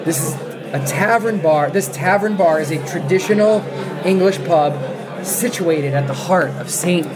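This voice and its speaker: A man hosting a casual podcast conversation in a pub, informal and animated, with a hoarse, worn-out voice. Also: sits high, moderate pace, a crowd in the background. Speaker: podcast host.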